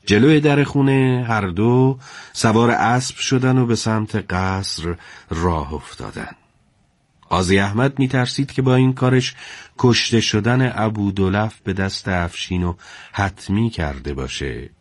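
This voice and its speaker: A man's voice: on the low side, dry recording. Man narrating a story, dry close sound.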